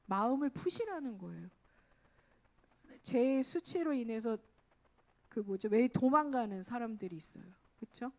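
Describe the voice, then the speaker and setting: A woman pastor giving a sermon in a conversational way, often correcting herself and slowing down on key phrases. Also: on the high side, a little mellow. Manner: conversational preaching, frequent self-corrections.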